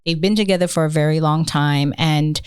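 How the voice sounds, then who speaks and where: A woman's voice: low voice, steady tone, fairly quick, a little mellow, clean tone, no room sound, clean studio sound. A woman hosting a podcast, supportive and asking probing questions. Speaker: podcast host. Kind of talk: casual interview chat.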